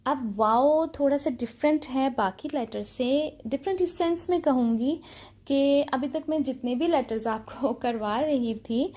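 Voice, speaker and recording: A woman's voice: sits high, warm tone. A woman teaching an online Quran recitation lesson, explaining patiently and repeating key points.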